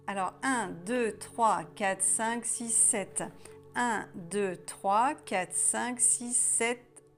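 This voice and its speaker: A woman leading a guided wellness exercise in a casual, chatty way, often hesitating and restarting her sentences. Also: medium pitch.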